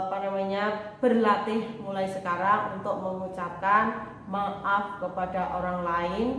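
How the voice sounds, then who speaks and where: A woman's voice: mid-range voice, bright, forceful tone. Chatty woman teacher in an echoey room. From Indonesia. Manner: chatty, explains in Indonesian mixed with English phrases; models English phrases slowly for students to repeat. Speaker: English teacher. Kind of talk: recorded video lesson for students. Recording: very echoey room, faint background noise.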